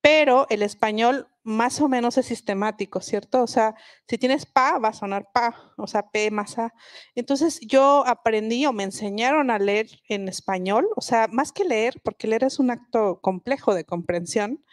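A woman's voice: fairly high pitch, normal speed, no echo. Reflective woman, dry close sound. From Oaxaca, Mexico. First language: Mixe. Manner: reflective, explanatory, with frequent restarts. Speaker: guest speaker, linguist. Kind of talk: public talk at a book festival.

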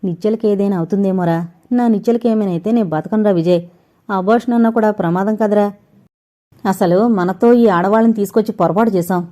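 A woman's voice: medium pitch, fairly quick, warm tone, lightly acted. A woman voicing a panicky, devoted young man. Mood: anxious. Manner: flustered, anxious.

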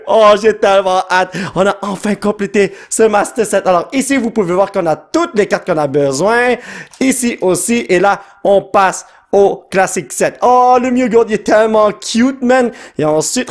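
Excitable Quebec French man, high voice. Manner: excitable, bursts into shouts, sprinkles English slang. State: strained voice from shouting. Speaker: YouTuber opening trading card packs. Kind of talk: excited casual vlog commentary.

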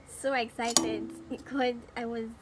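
A beauty vlogger in her twenties, with a Nigerian accent and a fairly high voice, chats casually and animatedly through a makeup tutorial, though her delivery is flat and slow. She records in a small room at home, where noticeable background noise comes through.

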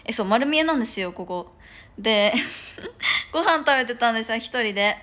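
A woman's voice: on the high side, animated, fairly quick, sharp tone. A young woman chatting casually on a livestream from her room, rambling and giggling with many fillers. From Japan. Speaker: idol livestreamer. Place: room at home with no curtains.

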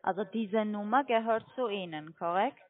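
Over a tinny phone line, a woman with a foreign accent makes a sales call in German, which is not her first language. Her mid-range voice moves at a moderate pace, and she comes across as a direct, businesslike telemarketer.

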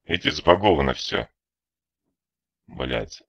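A man with a very deep, creaky, fairly bright voice rants through a game in a lo-fi recording with no room sound. He's an irritated let's-play commentator who rambles unhurriedly but expressively, swearing constantly.

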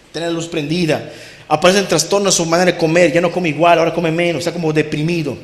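A middle-aged man preaching a sermon as a pastor, impassioned, swinging from soft to loud emphasis. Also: a little high. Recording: roomy echo.

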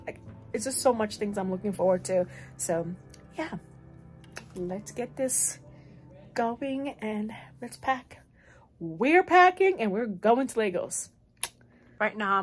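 A young woman from Zambia talks casually to the camera while she packs for a trip. She rambles with plenty of fillers and little laughs, and her voice sits at an ordinary middle pitch. Soft music plays quietly behind her. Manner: chatty, laughs often, many fillers and restarts. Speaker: vlogger. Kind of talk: casual vlog chat while packing. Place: bedroom at home.

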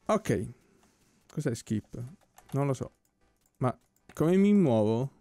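A man giving casual let's-play commentary, relaxed and puzzled, with joking asides about what happens on screen. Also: mid-range voice, slow, no room sound. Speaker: gameplay commentator. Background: soft game music.

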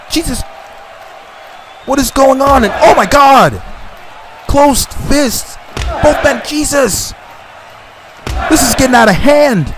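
A man doing excited play-by-play commentary over a wrestling video game, exclaiming and gasping as his voice leaps up. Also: high-pitched. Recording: loud game music and crowd noise. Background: game music and arena crowd.

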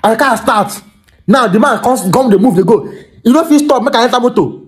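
A young Nigerian man telling a comic story to his phone camera indoors, excitable and stumbling over repeated words. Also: very high voice, fast. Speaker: comedic storyteller. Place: small indoor room by a curtain. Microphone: phone camera held at arm's length.

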